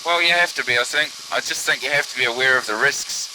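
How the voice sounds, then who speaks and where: Speaking fast in a medium-pitched voice, a man gives relaxed, reflective commentary as he pilots an open microlight and films the flight himself. His words come through a pilot's headset with a radio quality, against steady engine drone and rushing wind.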